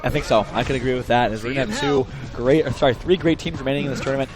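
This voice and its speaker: A young man giving live play-by-play esports commentary, excitable and bursting into shouts at big plays. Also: mid-range voice, very fast.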